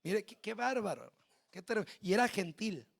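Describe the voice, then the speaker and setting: A male pastor with a Mexican Spanish accent preaching a sermon, speaking straight to the congregation and building to shouted peaks. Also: sits high, expressive, moderate pace, creaky. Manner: preaching with shouted climaxes and direct address to the congregation.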